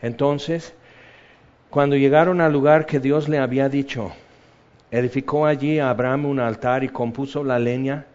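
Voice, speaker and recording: A man preaching a sermon with passion, moving between loud emphasis and soft hushed tones, reading scripture and acting out the quoted voices. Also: mid-range voice, lo-fi sound. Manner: reads scripture then acts out quoted voices.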